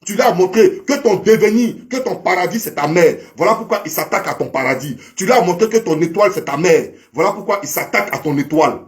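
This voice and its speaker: A man's voice: high-pitched, lively intonation, fast talker, hardly any pauses. A man delivering a preachy, repetitive monologue to a fellow online commentator, heavy with proverbs and addressing him as brother. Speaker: social media commentator. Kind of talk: impassioned monologue to camera.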